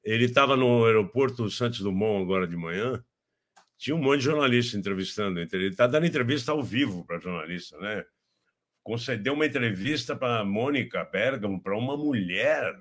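A man's voice: mid-range voice, brisk. An older man from Brazil with a Brazilian Portuguese accent, chatting casually on a political show and telling rambling anecdotes with many restarts. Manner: rambling, repeats words and restarts, animated anecdotes. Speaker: guest commentator.

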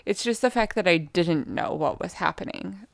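A young woman with a fairly low, gravelly voice at normal speed hosts her own podcast from home, recorded dry with clean studio sound on a podcast microphone. Her candid solo monologue is frank, profane, and rambling, packed with fillers.

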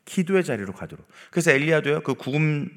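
A man's voice: fairly high pitch, expressive, fairly quick, a bit bright. A man preaching an early-morning sermon as pastor, talking to the congregation in a chatty way and acting out quotes. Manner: conversational preaching with acted-out quotes and asides. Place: church sanctuary. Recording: long hall reverb.

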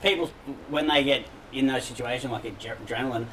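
A man's voice: mid-range voice, fairly even intonation, a little fast, a bit bright, a little hiss or hum, rough recording. A young man with an Australian accent, telling a rambling story in casual chat, swearing a lot and leaning on fillers. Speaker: guest.

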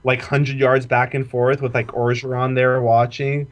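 A man's voice: mid-range voice, little pitch movement, a little slow, highs cut off. A young man, a former college football player, telling a story in casual chat, with constant filler words and swearing. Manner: rambling, heavy "like" filler, profane. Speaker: podcast co-host, former college football walk-on.

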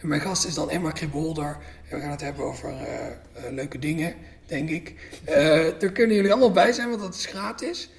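A man hosting a poetry podcast, chatty and relaxed with a self-mocking way of talking. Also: a little high, fairly quick, gravelly, hardly any pauses. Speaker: podcast host. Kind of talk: casual podcast interview and outro.

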